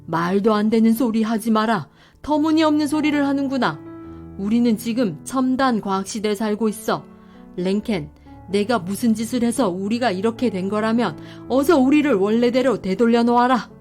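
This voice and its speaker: A woman voicing a father in a children's story, speaking in a measured, fatherly way. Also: medium pitch, mellow, soft background music, close to an everyday voice. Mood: reasoning. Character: father trying to stay calm and reasonable. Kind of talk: storybook voice acting.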